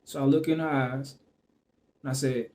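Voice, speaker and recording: A man's voice: medium pitch, steady tone, normal speed, a little mellow. A man telling a personal story to the camera in a loose, rambling way, full of fillers and restarts. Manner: loose and rambling, full of "you know what I'm saying" and fillers; restarts and trails off mid-sentence.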